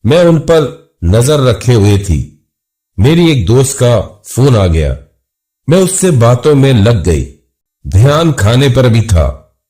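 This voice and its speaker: Male horror storyteller, slow and measured, lively rise and fall, suspenseful. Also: medium pitch. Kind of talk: scripted first-person horror narration.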